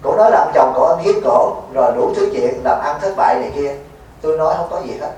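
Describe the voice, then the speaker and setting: A man's voice: on the high side, lively intonation, fast talker, darkish tone. A man, a Buddhist monk giving a folksy dharma talk at a retreat, teasing and quizzing his listeners. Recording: echoey hall, mic far off, faint noise.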